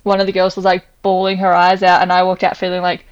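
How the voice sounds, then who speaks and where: A young Australian woman who teaches, co-hosting a casual chat podcast, talking fast and loose with lots of "like" fillers and laughs. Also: on the low side, monotone, lo-fi sound.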